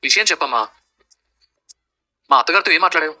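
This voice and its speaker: A man's voice: a little high, lively intonation, quick pace, sharp tone. An actor playing a son who teases his mother with dry wit in a TV serial. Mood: teasing. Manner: dry, teasing. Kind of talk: TV serial acting.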